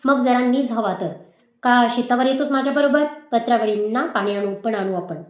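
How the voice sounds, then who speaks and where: A loud, commanding village father from a storybook, as a woman reads him out. the voice sits high and rings in an echoey room, barking orders at his son. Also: moderate pace, close to an everyday voice. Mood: gentle. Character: angry then gentle village father.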